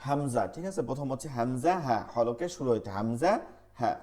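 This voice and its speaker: A man teaching an online Quran class, patiently repeating letter sounds slowly for students to copy. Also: mid-range voice, darkish tone.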